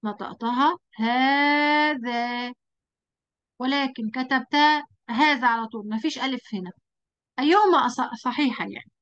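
A woman with an Egyptian Arabic accent, teaching a lesson at a whiteboard, quizzing her pupil and drawing out example words slowly. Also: high voice, fairly bright tone, highs cut off.

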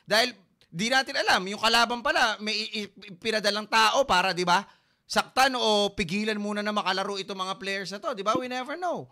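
A man's voice: sits high, brisk, bright, forceful tone. A man hosting a sports talk show, chatting casually and peppering his talk with tag questions. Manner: repeats "correct", "tama", "di ba". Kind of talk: casual chat.

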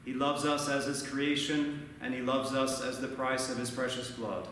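A man in his thirties, a priest giving a measured, earnest sermon at a lectern, recorded from far off in a large church. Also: mid-range voice, level tone, a bit bright, heavy reverb, in a large hall, slight background noise. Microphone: far camera, no mic seen.

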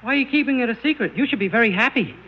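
A man's voice: very high-pitched, racing. An actor in a 1940s radio sitcom, playing a naive, silly young male singer with an innocent, guileless delivery. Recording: muffled 1940s radio broadcast with loud hiss.

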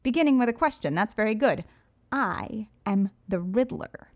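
A woman's voice: on the high side, animated, moderate pace, darkish tone. A woman voicing a cocky, flamboyant male villain in an audiobook, speaking in a boastful, theatrical way. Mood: smug. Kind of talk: audiobook character voice.

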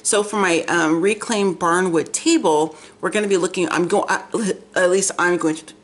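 A woman's voice: fairly low pitch, normal speed. A woman hosting a chatty, gushing magazine flip-through, rambling, with slightly effortful articulation as if half her face were numb from the dentist. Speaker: vlog host. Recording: clear background noise, room ambience.

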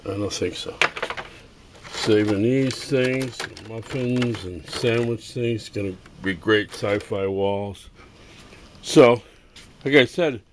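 A middle-aged man casually showing off toys and crafts in his home workshop, filming by hand and rambling with halting asides. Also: medium pitch. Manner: rambling, halting, self-amused. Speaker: toy customizer vlogger. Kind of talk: casual show-and-tell vlog. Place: cluttered home workshop and garage. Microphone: handheld camera, filming first-person. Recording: noisy home camera audio.

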